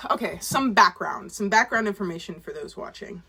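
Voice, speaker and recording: A woman's voice: medium pitch, expressive, brisk, vocal fry, pushed and bright, husky. A woman in her twenties, an author rambling casually to camera in a chatty, self-deprecating way. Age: 20s. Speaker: author and vlogger.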